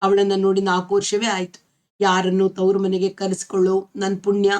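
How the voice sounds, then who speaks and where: A woman's voice: medium pitch, completely flat delivery, moderate pace, a little mellow, close to an everyday voice. A woman reading the part of an old woman, a stern traditional mother who speaks bluntly. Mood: tearful. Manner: scolding, blunt.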